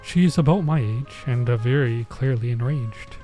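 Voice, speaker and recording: A man streams a visual novel, reading the game text aloud and tossing in casual, bemused asides as a let's play. His mid-range, mellow voice moves at normal speed. The recording is low quality, with game music running underneath.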